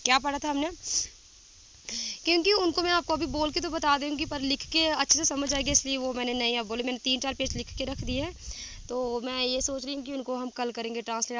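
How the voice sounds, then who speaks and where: A woman teaching simple English sentences outdoors, reading each sentence and then saying it slowly in English. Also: high voice, fairly even intonation, lo-fi sound. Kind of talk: casual spoken English lesson. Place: outdoors in windy fields while grazing cattle. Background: wind and rural outdoor sounds.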